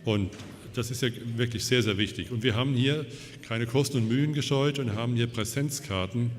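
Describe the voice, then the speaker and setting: A man's voice: medium pitch, a little fast, a little hiss or hum. Man making an announcement in a hall. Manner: casual, repeats words. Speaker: club member making an announcement. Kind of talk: public announcement. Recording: long hall reverb.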